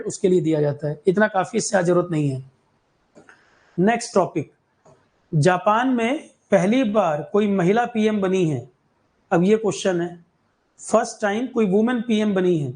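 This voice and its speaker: A man from India with a high, slightly mellow voice teaches a current affairs lesson for exam prep, and the audio quality is poor. He repeats key facts over and over, drilling them in and asking "clear?" to make sure students follow.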